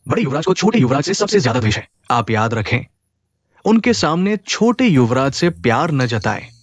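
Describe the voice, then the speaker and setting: A man playing a loyal, respectful assistant in a dubbed short drama, speaking in a formal, explanatory way with a husky voice. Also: medium pitch, big pitch swings, moderate pace, no room sound, studio quality. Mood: earnest. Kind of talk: Hindi dub of a short drama.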